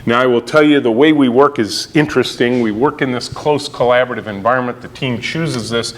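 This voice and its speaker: A middle-aged man giving a conference keynote talk, telling stories in an animated way and acting out quotes with sudden jumps in pitch. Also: a little fast, slight background noise. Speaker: keynote speaker. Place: conference hall.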